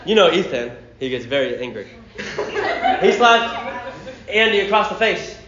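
A man preaches in a bright high register, his pitch leaping as he acts out the scenes. The sound is roomy and a little muffled, as if taped in a church hall. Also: a little slow. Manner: animated storyteller, acting out scenes. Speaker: pastor. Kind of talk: sermon to a youth group.

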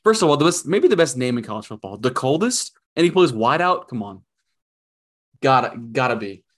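A man's voice: medium pitch, big pitch swings, a little fast. A man co-hosting a casual sports podcast, talking in an emphatic, hyped, joking way. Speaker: podcast co-host.

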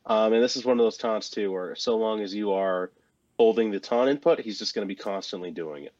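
A man co-hosting a casual chat, walking through a game character's moves in a relaxed, rambling way with many ums and restarts. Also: on the low side, a little fast, no echo, dull audio. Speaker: co-host presenting a game moveset. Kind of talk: casual chat about video games.

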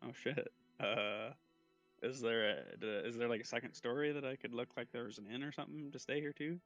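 A man's voice: mid-range voice, fairly quick, fairly bright tone, muffled recording, soft background music. A man playing a tabletop game, who rambles, hesitates and swears casually. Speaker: player.

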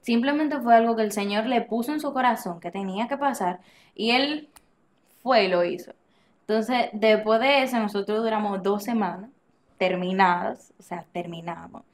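An animated woman speaking as a podcast guest, recounting a personal experience in a relaxed, conversational way. She tends to act out the lines she quotes, and she often restarts her sentences mid-thought. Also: mid-range voice, normal speed. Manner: animated, acts out quoted dialogue, frequent restarts and laughs. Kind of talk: personal storytelling in casual conversation.

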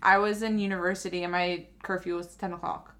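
A woman's voice: flat delivery, brisk, fairly bright tone. Chatty young woman co-hosting a podcast. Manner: chatty, many filler "like"s; acts out quoted relatives in a higher voice. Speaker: podcast co-host. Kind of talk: casual chat.

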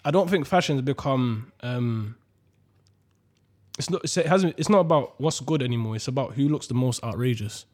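A man's voice: medium pitch, normal speed. A young man with a London accent, chatting casually in slangy roadman talk. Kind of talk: casual chat.

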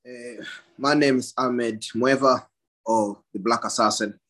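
A man's voice: mid-range voice, steady tone, a little slow, fairly bright tone. A young man from Somalia, a professional boxer, giving short plain answers in a casual interview and laughing often.

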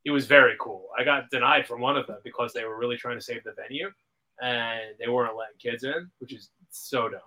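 A man in his thirties, a band member guest, telling stories in an animated way full of "like" and "man". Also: mid-range voice, brisk. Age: 30s. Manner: animated storyteller, lots of "like" and "man". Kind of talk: casual chat.

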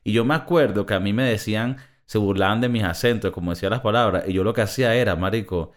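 A man's voice: fairly low pitch, fast talker. A man from Venezuela with a Venezuelan accent, co-hosting a casual chat in a frank, laughing, profane way. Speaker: podcast co-host.

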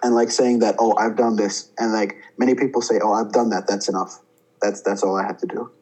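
A man's voice: on the low side, flat delivery, fairly quick, a little mellow, husky, low-quality recording. A young man from India, a student guest, talking thoughtfully with fillers and restarts. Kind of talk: casual interview talk.

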